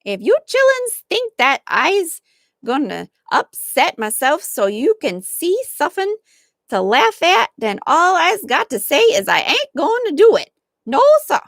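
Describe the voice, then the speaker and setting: A woman voicing a kindly old woman cook who speaks in loud, high exclamations in a storybook reading. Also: huge pitch swings, measured pace, no room sound, clean studio sound, full character voice. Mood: indignant.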